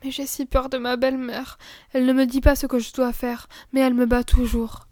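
Lady doing a sad little girl, pleading and teary, bit higher than usual, dry sound. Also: flat delivery, fairly quick, mellow, no echo, lightly acted. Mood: grateful. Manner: pleading, tearful. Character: remorseful unhappy young girl, quick-tempered.

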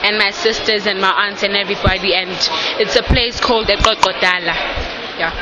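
A woman's voice: medium pitch, fairly even intonation, brisk. Young woman, South African accent, Xhosa first language, hesitant with fillers, street interview outdoors, heavy crowd noise. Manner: hesitant, fillers and repeated "yeah".

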